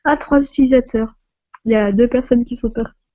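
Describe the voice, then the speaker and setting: A woman's voice: a little high, fairly even intonation, brisk, dark tone, no echo, muffled recording. Flustered French woman laughing on a stream. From France. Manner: laughing often, flustered by technical trouble. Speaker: live stream host. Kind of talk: casual live stream chat. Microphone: phone.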